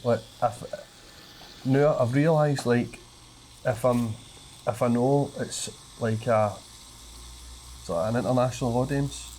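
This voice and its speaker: A man's voice: medium pitch, slow, long pauses, a little mellow, slight background noise. A man with a thick, broad Glaswegian Scottish accent in casual podcast chat, speaking colloquially with an occasional slight stutter. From Glasgow, Scotland. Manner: colloquial, broad Scots wording, some swearing. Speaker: stand-up comedian, podcast guest.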